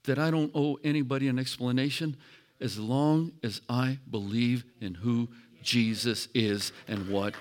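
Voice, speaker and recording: A middle-aged male pastor preaching a sermon, swinging from hushed storytelling to shouted calls for praise. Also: medium pitch, fairly even intonation, unhurried.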